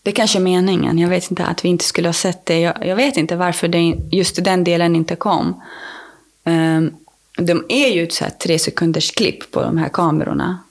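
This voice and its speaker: A woman guest on a podcast telling a personal story in a casual, rambling way, often restarting her sentences and filling pauses. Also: on the low side, steady tone.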